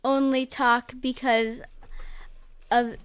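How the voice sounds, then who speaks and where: A woman's voice: fairly high pitch, level tone, takes it slowly, clear, resonant tone. A woman co-hosting a podcast in casual chat, playful and teasing, often giggling. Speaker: podcast co-host.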